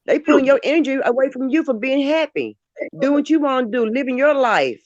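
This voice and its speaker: A woman's voice: high voice, lively intonation, fairly quick, a little mellow, no room sound. An encouraging woman hands out preachy life advice in a casual group chat. Her voice comes through muffled, dry call audio. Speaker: stream participant.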